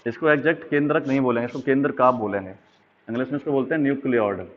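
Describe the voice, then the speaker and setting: A man's voice: mid-range voice, racing, a little hiss or hum. Male teacher, exam-prep biology lesson, draws as he explains, checks in often, thin phone-like audio. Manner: explaining while drawing diagrams, frequent check-ins. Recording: tinny phone-like sound.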